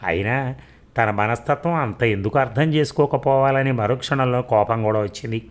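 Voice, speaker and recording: A man narrating a short story in a measured, steady reading voice. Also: medium pitch.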